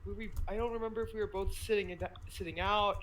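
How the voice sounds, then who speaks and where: A man's voice: sits high, fairly even intonation, fast talker, a bit bright, slight background noise, rough recording. A teenage boy co-hosting a podcast, telling a story in a rambling, self-interrupting way with frequent laughs. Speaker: podcast co-host. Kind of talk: casual chat.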